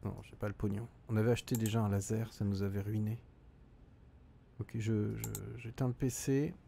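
A man's voice: on the low side, little pitch movement, normal speed, gravelly, warm tone, slight background noise. A middle-aged man streaming a game live, reading out chat and thinking aloud with frequent hesitations.

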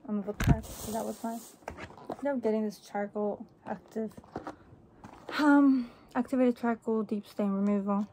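Vocal fry colors this young adult woman's warm, fairly high voice as she rambles casually and offhandedly through a haul vlog in a small room. There is faint background noise.

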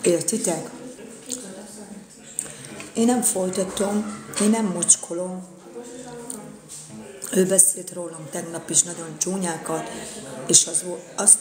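A woman's voice: on the low side, echoey room. A woman in a casual live-stream rant, indignant and repeating her phrases.

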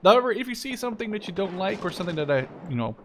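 A young gaming channel host rambles casually over his own gameplay in a high, sing-song voice, talking very fast. Game gunfire and artillery sound behind him along with other background noise, and he swears now and then when surprised.

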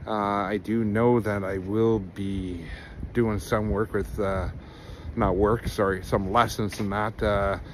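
A man's voice: fairly low pitch, flat delivery, takes it slowly, a little hiss or hum. A middle-aged man vlogging casually outdoors on a winter trail, talking earnestly with lots of ums and uhs into a phone held at arm's length. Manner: rambling, many fillers, earnest.

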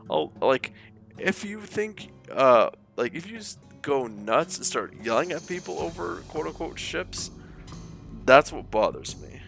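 A man's voice: on the high side, sing-song, unhurried, creaky, fairly bright tone, soft background music. A young man streaming a game live, chatting with viewers in a rambling way full of fillers and restarts. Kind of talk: live game playthrough with chat.

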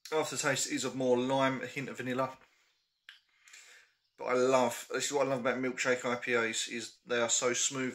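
A man's voice: mid-range voice, a bit bright. A young man chatting casually to camera in a small room as he reviews a beer, hesitant with frequent ums.

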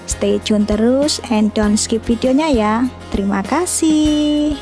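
A woman's voice: fairly high pitch, slow, warm tone, faint music behind. A woman vlogger giving a friendly, upbeat voice-over introduction to her channel.

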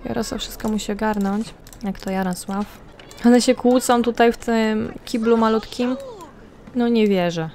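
A woman's voice: fairly high pitch, steady tone, moderate pace, a little mellow, slight background noise. A woman giving casual commentary over a life-simulation game, chatting to her characters and to viewers. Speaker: gameplay commentator. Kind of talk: casual let's-play commentary.

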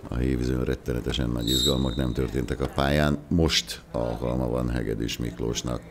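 A man commentating on a local football match in an unhurried, wordy, reflective way. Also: a bass voice, flat delivery.

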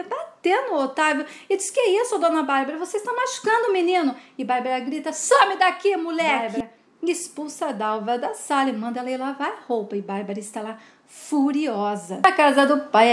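A woman retelling a soap opera episode in a casual, chatty way, reading out the characters' lines and commenting on them. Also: high voice. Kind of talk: casual retelling with read-out dialogue. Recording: roomy echo.

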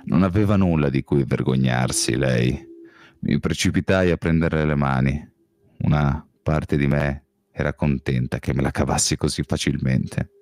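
A man reading a novel aloud as an audiobook, in first-person narration with a measured, calm delivery. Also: very deep voice, dry recording. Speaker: audiobook reader.

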